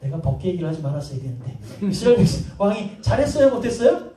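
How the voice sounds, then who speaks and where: A male pastor preaching a sermon, telling a story with lively acted-out dialogue and asking the congregation questions. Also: high-pitched, quick pace, slight background noise. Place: church sanctuary. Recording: roomy hall sound from a distant mic.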